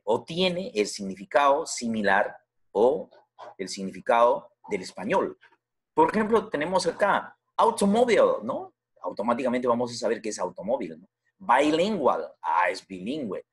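A man's voice: medium pitch, breathy edge. A man who teaches languages, explaining a lesson step by step with frequent tag questions and repeated words. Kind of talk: recorded class lesson.

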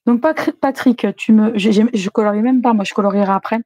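A woman's voice: fairly high pitch, quick pace, warm tone. A woman hosting a live stream, chatting casually and greeting viewers as she reads the chat.

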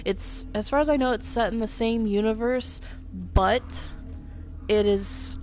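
A woman's voice: on the high side, unhurried, darkish tone, soft background music. A woman streaming a video game, chatting in an easygoing, playful way on a headset mic. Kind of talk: casual gaming stream chat. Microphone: headset microphone.

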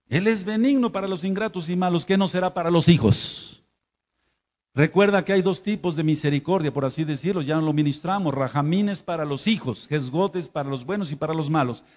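A Mexican Spanish-accented man preaches with emphatic rhetorical questions, dropping quiet and then surging loud. His voice sits fairly high. The recording is dull and lo-fi, with a long reverb from a large hall. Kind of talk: sermon.

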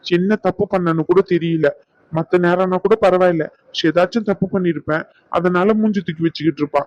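A man's voice: high voice, fairly even intonation, a little fast, darkish tone, no room sound, natural voice. A man voicing an exasperated young husband, a doctor, who pleads and complains to his grandmother about his wife. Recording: dull lo-fi.

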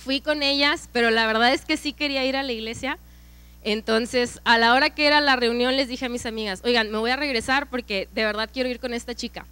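A woman's voice: fairly high pitch, fairly even intonation, fairly quick, bright, forceful tone, clean tone, no room sound. A young woman from Mexico with a Mexican accent, sharing a personal testimony at a church women's event, telling her story with lots of quoted dialogue. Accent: Mexican Spanish.

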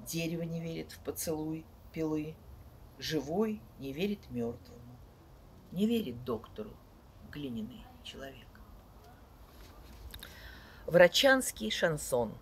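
Older lady declaiming poetry out in a garden, dramatic n measured, leans hard on key words. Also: sits low, a little hiss or hum, low-quality recording. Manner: expressive, measured declamation with emphatic swells and falling line endings. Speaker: poet reciting another poet's verse. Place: outdoors in a leafy garden beside a wooden house and on wooded paths.

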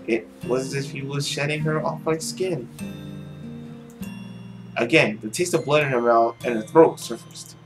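Speaking unhurriedly and pausing often in a mid-range voice, a young man narrates a visual novel, reading its text with expression and mixing in his own remarks. He's a young adult gamer recording indoors in a small room at home, with game music playing behind him.

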